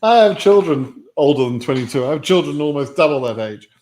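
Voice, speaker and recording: A man's voice: a little high, lively intonation, a little fast, a little mellow. A British man in his sixties hosting a live stream, answering viewer questions in a frank, rambling way with many restarts. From United Kingdom. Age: 60s. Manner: rambling, frequent ums and restarts, frank and plainspoken. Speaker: immigration lottery advisor hosting a live stream.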